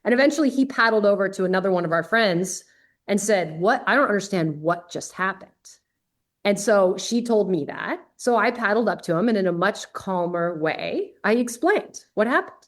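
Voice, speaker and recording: A woman's voice: mid-range voice, lively intonation, moderate pace. Chatty woman telling a surf story. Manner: chatty, candid, peppered with "like". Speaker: podcast guest. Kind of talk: casual storytelling in conversation.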